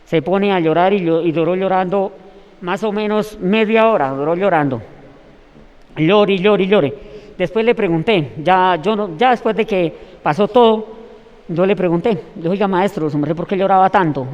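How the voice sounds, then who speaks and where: A man's voice: high-pitched, normal speed, clear, resonant tone, in a large hall, highs cut off. A man telling a long story in an interview, rambling and restarting his words. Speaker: interviewee recounting events.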